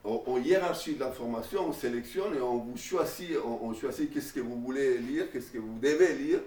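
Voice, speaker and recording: A man delivering an informal classroom lecture in an animated way, often restarting his phrases. His voice sits in the middle range. The room echoes, and the mic is far away. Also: mid-range voice, moderate pace. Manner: animated, repetitive restarts and fillers.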